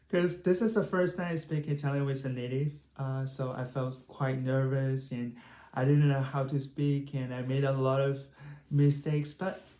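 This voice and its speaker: A native Chinese speaker with a Chinese accent casually shares language study tips as a vlogger. Her voice is low-pitched and warm. The recording is roomy and echoing.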